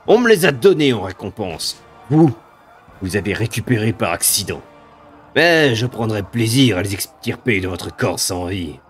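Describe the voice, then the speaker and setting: A man voicing a ravenous demon from a video game, a haughty dark lord who taunts with drawn-out, mocking menace. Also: on the low side. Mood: gloating threats. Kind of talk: dramatic video game villain read aloud.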